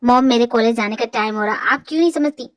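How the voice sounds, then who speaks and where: A woman's voice: a little high, fast talker, faint music behind, pitched below the performer's own voice, close to an everyday voice. A woman voicing a weary young man pleading with his mother in an amateur fan dub.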